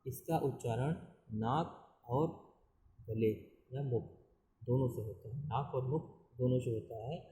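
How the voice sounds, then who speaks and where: Male teacher, grammar lesson, very dark mellow voice, slow repetitive explaining, echoey classroom sound. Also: mid-range voice. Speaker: school Hindi teacher.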